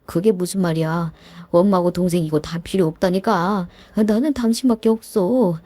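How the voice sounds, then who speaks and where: A woman's voice: fairly low pitch, dark tone, no echo, pitched below the performer's own voice, lightly acted. A woman voicing a young husband who anxiously denies and pleads, in a dramatized story reading. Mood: pleading. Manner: hurried pleading denials.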